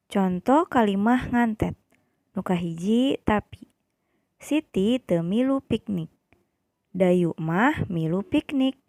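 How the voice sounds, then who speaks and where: A woman teacher leads a primary-school lesson at a very unhurried pace. She explains each example carefully and patiently for young children, in a mid-range voice. The recording is dry and close, with no room echo. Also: medium pitch, a little mellow.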